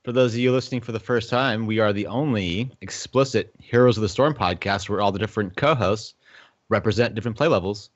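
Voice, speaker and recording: A man's voice: lowish voice, a little fast, lo-fi sound. A man hosting a gaming podcast, joking loosely and leaning on fillers. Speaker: podcast host. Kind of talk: casual podcast chat.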